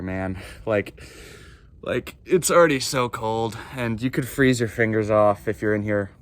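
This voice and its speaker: A young man chatting casually to camera outdoors, halting and pausing as he bears the cold. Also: medium pitch. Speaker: vlogger. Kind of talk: casual unscripted vlog chat to camera. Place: outdoors in cold stream under a small bridge. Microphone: handheld phone or camera. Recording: clear outdoor background noise, ambience.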